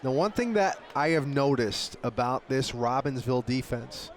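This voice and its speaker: A man's voice: mid-range voice, lively intonation, moderate pace. An American man giving live football analysis as a color commentator. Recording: clear outdoor stadium noise. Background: outdoor stadium ambience.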